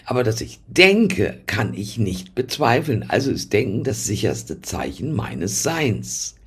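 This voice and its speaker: A man's voice: fairly low pitch, big pitch swings, unhurried, husky, exaggerated voice. A man voicing a polite, precise, slightly proud male philosopher in a spoken dialogue, earnest and reasoning.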